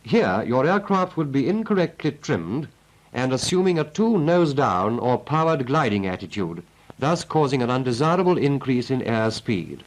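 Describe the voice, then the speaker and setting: Styled like a 1940s military training film, a British man gives scripted instruction in a clipped, methodical, instructor-like manner at normal speed. His medium-pitched voice rises and falls lively, over a rough period film soundtrack.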